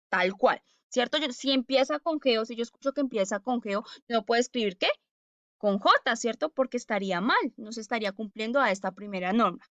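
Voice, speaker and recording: A woman's voice: fairly high pitch, a bit bright, no room sound, dull audio. A woman teaching a language lesson to children, patiently sounding out syllables and often checking that they follow. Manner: patient, repeats syllables slowly, checks in with "¿cierto?" and "¿listo?".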